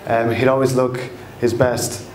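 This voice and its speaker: Middle-aged Irishman telling stories, even-toned and echoey. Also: medium pitch, slight background noise. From Dublin, Ireland. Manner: halting, reflective, searching for words. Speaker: storyteller at a live storytelling night. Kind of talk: fireside storytelling, personal anecdote told live. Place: indoor live storytelling event, echoey room. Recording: echoey room.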